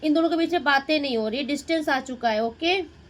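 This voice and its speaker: Tarot reader, woman, high voice, muses over each card out loud. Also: fairly quick, a little hiss or hum, poor audio. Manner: Hindi-English mix, addresses viewer directly, muses over cards. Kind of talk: tarot reading.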